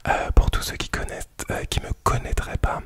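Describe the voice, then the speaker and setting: Whispering gently and a little fast, a man shows off a product in a relaxed, tentative ASMR unboxing, hushed as if late at night.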